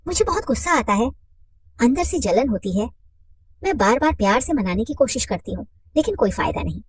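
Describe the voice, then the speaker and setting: A woman voicing a chatty middle-aged mother with a husky voice. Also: on the high side, sing-song, fairly quick, no room sound, pitched above the performer's own voice, exaggerated voice, low-quality recording. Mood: eager.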